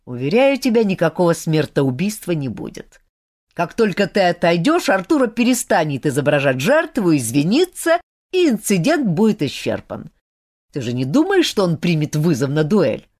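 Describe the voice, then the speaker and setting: A woman voicing a calm, authoritative older theater master who speaks in a measured, unhurried way. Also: fairly low pitch.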